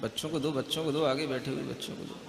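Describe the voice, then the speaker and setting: A man's voice: mid-range voice, fairly even intonation, gravelly, background noise. Man teaching in an echoey hall. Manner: conversational, keeps asking "है ना?", models verse pronunciation slowly. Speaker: Jain monk teaching. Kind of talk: devotional discourse and recitation lesson. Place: large hall with a gathering. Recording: echoey hall with long reverb.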